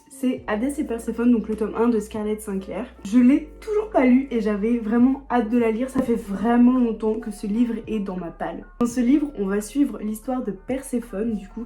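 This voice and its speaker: Young female vlogger, warm mellow tone, slightly high, eager chatty delivery, light music bed. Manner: enthusiastic, repeats words for emphasis. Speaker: book vlogger. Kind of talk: casual book haul chat.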